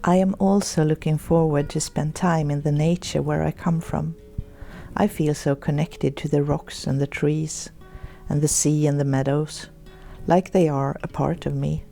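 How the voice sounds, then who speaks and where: A middle-aged woman, hosting a podcast and speaking her reflections slowly and thoughtfully, then reading from a book. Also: sits low, fairly even intonation, gravelly, soft background music. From Sweden. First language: Swedish. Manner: slow, thoughtful and gentle. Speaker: podcast host.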